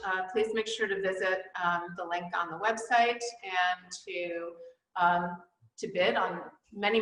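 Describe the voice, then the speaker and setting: A woman's voice: mid-range voice, fairly bright tone. A middle-aged woman hosting a virtual gala, thanking guests and announcing the next steps with many ums and uhs. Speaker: gala host. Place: wood-panelled indoor hall. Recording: roomy hall with long reverb.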